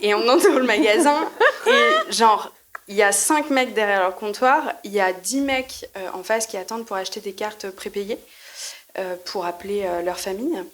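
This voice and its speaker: A woman's voice: medium pitch, moderate pace, a little hiss or hum. Slangy young woman telling a comic story. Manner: lively and slangy, acts out her own past thoughts. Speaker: guest storyteller. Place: live podcast recording before an audience.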